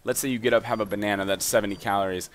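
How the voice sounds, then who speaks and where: A young man chatting casually over gameplay, giving fitness and nutrition advice in an energetic voice-over. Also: lowish voice, rapid-fire.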